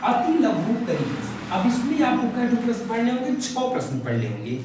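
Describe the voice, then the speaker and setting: A male teacher walking through an exam paper, asking his own questions and answering them, stretching key words slowly. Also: extremely high pitch, very animated, noisy background. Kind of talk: exam paper walkthrough lesson. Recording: very echoey room from far off.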